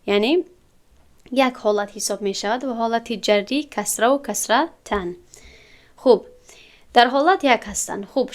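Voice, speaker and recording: A woman's voice: medium pitch, smooth. A woman teaching Arabic grammar in a classroom, explaining step by step and asking her students questions. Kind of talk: classroom lesson.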